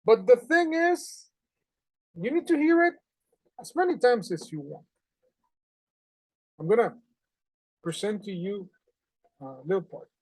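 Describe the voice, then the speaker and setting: Casting: man in his forties from Honduras, teacher, earnest and animated, close dry webcam sound. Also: high voice, measured pace, pauses often, no room sound, low-quality recording. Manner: earnest, animated, with non-native phrasing. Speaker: English teacher. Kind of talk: online class lesson. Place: small indoor room at home. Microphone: webcam on a video call.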